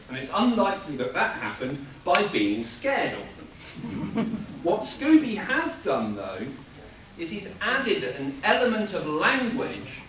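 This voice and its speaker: A man giving an animated, explanatory panel talk at a convention, chuckling now and then. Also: fairly high pitch, background noise. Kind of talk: lecture-style panel talk. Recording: echoey room from a distance.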